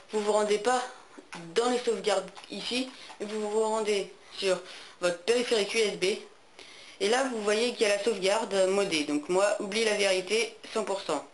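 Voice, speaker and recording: A teenage boy explaining console steps in a tutorial, speaking hesitantly with many fillers. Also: high voice. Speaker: gaming tutorial maker. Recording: echoey room, faint noise.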